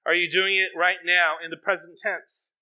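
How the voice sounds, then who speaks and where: A middle-aged man preaching a sermon as pastor, animated and acting out quoted voices. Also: high voice, normal speed, highs cut off. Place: church sanctuary.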